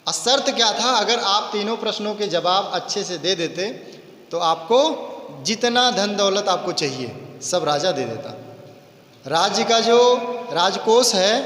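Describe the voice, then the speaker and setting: A man's voice: sits high, expressive, unhurried, fairly bright tone. A man putting on a taunting, scheming king with a raised voice. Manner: taunting, mocking. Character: scheming, boastful male king. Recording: echoey hall reverb.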